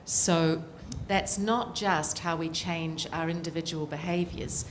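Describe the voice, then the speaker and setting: A woman's voice: low voice, steady tone, takes it slowly, slight background noise. A middle-aged woman with a New Zealand accent, speaking earnestly as a panelist and political scientist with frequent ums. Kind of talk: panel discussion remarks.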